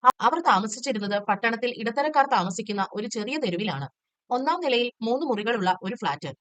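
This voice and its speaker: A woman tutor reading a textbook short story aloud in a steady, measured storytelling way. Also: a little high, no room sound.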